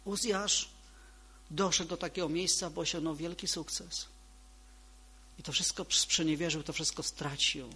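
A man preaching a sermon to a congregation, emphatic, repeating key phrases and moving between loud and soft delivery. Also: a little high, fairly even intonation, a little slow, long pauses, breathy edge.

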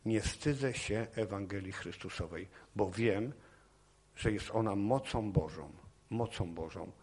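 A man's voice: on the low side, measured pace, darkish tone, husky. A man preaching from a church podium, his delivery impassioned and built on repetition. He folds his own testimony into the sermon, circling back to key phrases as his intensity climbs. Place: church or meeting hall podium.

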